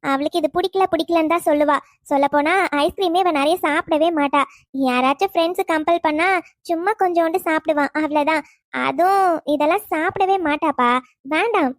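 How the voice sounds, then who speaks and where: A woman voicing a calm, protective middle-aged mother in a cartoon, gently scolding and reasoning. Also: high voice, no room sound, clean studio sound, natural voice.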